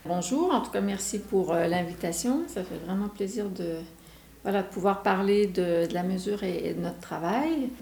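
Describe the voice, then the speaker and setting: A middle-aged woman from Quebec speaks with a Québécois French accent as a guest on a radio interview, explaining her work. Her mid-range voice is gravelly and a little mellow, moving at a moderate pace, and she hesitates often with fillers and restarts. The room is echoey, with slight background noise.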